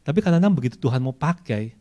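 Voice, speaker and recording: A man's voice: on the high side, expressive, very fast, dark tone. A male preacher giving a sermon at a streamed church service, slipping into everyday slang and acting out people's prayers and excuses in shifting voices.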